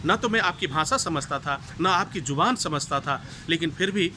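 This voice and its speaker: A man's voice: fairly high pitch, animated, moderate pace. A man giving a motivational speech to students in a declamatory way, repeating each line for emphasis. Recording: clear background noise.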